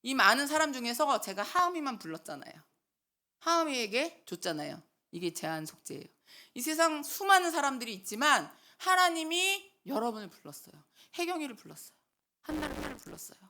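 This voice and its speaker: A woman's voice: high voice, a little fast. A middle-aged woman preaching a sermon in a church, talking back and forth with the congregation and acting out quotes. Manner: animated, talks with the congregation and acts out quotes. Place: church hall.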